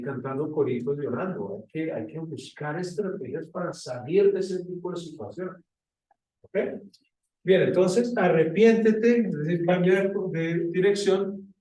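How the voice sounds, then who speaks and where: A man's voice: fairly high pitch, mellow. A male pastor preaching a sermon, questioning his congregation as he teaches. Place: church hall. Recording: echoey hall from far off.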